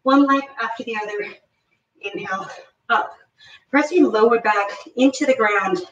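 A woman fitness instructor leading a live workout, giving energetic, encouraging cues and counting reps, a little out of breath. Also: a little high, normal speed. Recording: roomy, distant, dull lo-fi sound.

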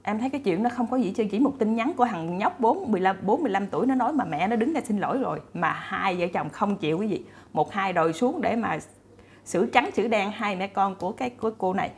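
A woman's voice: medium pitch, animated, quick pace, husky. A woman retelling a story to her viewers in a chatty, casual way, full of fillers and repeated words. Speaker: storyteller host.

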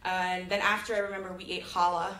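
A young woman from Sacramento, California gives a chatty, jokey, self-deprecating stage talk as a presenter, holding a handheld mic in a large auditorium. Her fairly low voice is flat, a little fast, pushed and bright. An audience member's phone captured it in the echoey hall.

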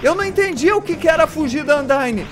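A man doing let's play commentary, excitable, yelping and shrieking in panic as he plays. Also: very high-pitched, fast talker, soft background music. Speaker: gamer.

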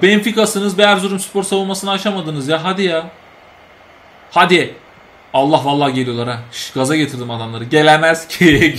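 A man giving lively, chatty commentary over his own football video game play, often shouting at the action and talking to his viewers. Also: sits high, slight background noise. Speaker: gaming YouTuber. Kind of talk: live gameplay commentary.

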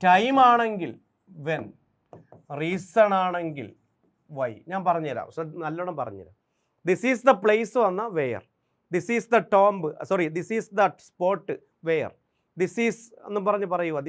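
A man with a Malayali accent, a native Malayalam speaker, teaching English grammar for exams, drilling examples and asking quick questions. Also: high voice. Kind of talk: exam-prep grammar lesson.

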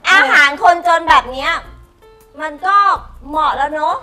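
An actress playing a snobbish young rich daughter who looks down on the poor. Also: female voice, high-pitched, moderate pace, pushed and bright, soft background music. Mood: haughty contempt. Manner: haughty, contemptuous. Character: snobbish spoiled elder daughter.

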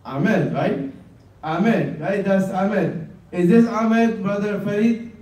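Male Arabic teacher, slow drilling delivery, picked up from a distance. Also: sits high, darkish tone. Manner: drills words slowly, repeating them. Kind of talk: classroom lesson. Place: classroom. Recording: echoey classroom from far off.

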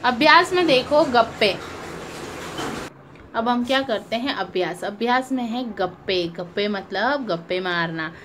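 A woman teaching young children in a recorded lesson, reading a story and asking questions again and again. Her voice sits a little high and moves very slowly. A faint background hum runs under her speech. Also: lively intonation. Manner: repeats and asks questions to young pupils. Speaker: primary school teacher.

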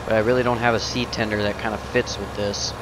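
A young gaming channel host gives casual let's-play commentary from his indoor home setup on a headset mic, in a noisy recording. His voice is fairly low, flat and quick as he rambles, talks to himself and is easily surprised, sounding a bit sniffly from a runny nose.

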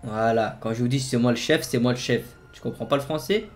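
A man hosting a gaming video, giving playful commentary and jokingly barking commands as a team leader, excitable and joking. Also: medium pitch, brisk, slight background noise. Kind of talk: playful game commentary with role-play commands.

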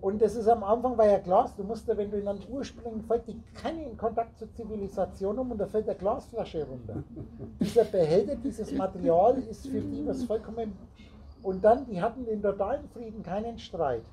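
A man with a high-pitched yet dark-toned voice speaks a little fast while lecturing a small group in a meeting room as a spiritual teacher. He rambles, plays on the roots of words and talks straight to his listeners, and the poor audio carries a little hiss or hum plus the group's chatter.

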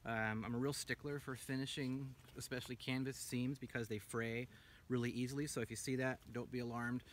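Sitting outdoors among trees, a man in his thirties from the United States enthusiastically reviews a pack of his own making, rambling with plenty of ums. He speaks a little fast in a level, medium-pitched tone; the camera is a few feet away and there's slight background noise.

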